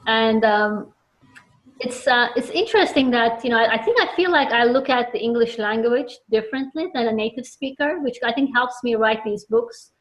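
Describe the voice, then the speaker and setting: A Turkish woman with a Turkish accent answers interview questions about her work as a children's book author, speaking earnestly and thoughtfully. Her voice is a little high, her pace moderate, and she frequently restarts her sentences. The audio is dull and lo-fi.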